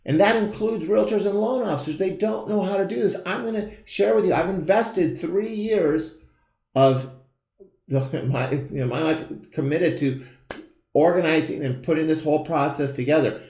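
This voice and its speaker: A man in his fifties hosting a live show, giving an earnest, emphatic motivational pitch that keeps repeating its key phrases. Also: normal speed, a little mellow, reverberant. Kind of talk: motivational sales pitch to camera.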